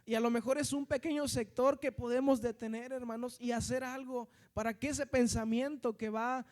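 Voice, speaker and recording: High-voiced northern Mexican preacher. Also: male voice, steady tone, normal speed. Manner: conversational preaching, constant tag questions and addressing the brethren. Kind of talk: sermon.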